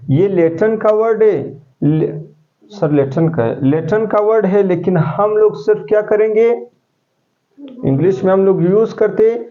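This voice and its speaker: A Pakistani man gives a classroom lecture in a somewhat high voice, explaining step by step and constantly turning his points into questions for the students. The lo-fi recording is dull and muffled.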